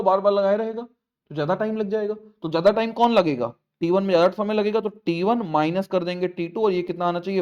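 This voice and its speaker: A man with a high voice teaches a maths lesson, explaining each step and repeating the key points. He coaxes his students with questions. The sound is somewhat dull and lo-fi. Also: a little mellow.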